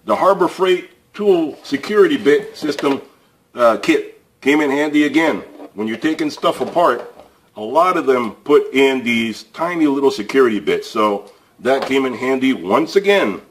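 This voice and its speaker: Off-screen, with the camera looking down on his workbench, a man hosts a relaxed DIY repair tutorial in an indoor workshop, thinking aloud and using fillers. His medium-pitched voice has lively intonation and a moderate pace, with a little hiss or hum.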